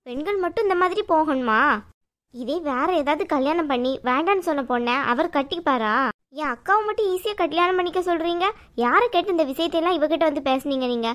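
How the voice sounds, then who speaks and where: A woman voicing an outspoken young woman who fiercely defends her older sister in an animated story. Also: high voice. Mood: indignant. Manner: sharp, indignant, rapid-fire questions. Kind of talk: cartoon voice acting.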